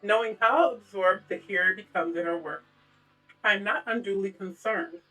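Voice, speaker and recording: A woman voicing a calm quest-giving townsperson in a game, reading the lines in a measured way. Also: mid-range voice, distant mic, soft background music, low-quality recording. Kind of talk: game voice acting.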